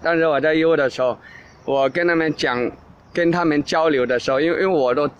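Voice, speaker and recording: A man's voice: fairly high pitch, fast, dull audio, slight background noise. A man hosting a casual talk show, answering listener questions in a rambling way with frequent restarts and repeated words. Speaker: English teacher and podcast host.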